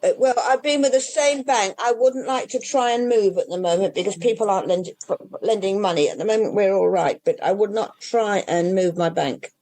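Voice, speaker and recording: Here an older woman from England, owner of an independent bookshop, rambles through a relaxed interview chat full of restarts and side comments. She speaks at a normal pace with few pauses in a mellow mid-range voice, though the recording is rough.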